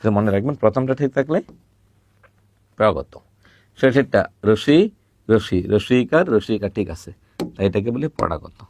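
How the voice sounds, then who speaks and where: A man teaching a recorded grammar lesson, patiently repeating words slowly and asking questions he then answers himself. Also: lowish voice, lively intonation, a little mellow, no echo.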